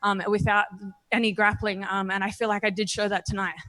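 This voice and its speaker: A woman's voice: medium pitch, little pitch movement, fairly quick, pushed and bright. A woman in her twenties with an Australian accent, a professional fighter giving candid, confident, casual answers in a post-fight interview. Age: 20s.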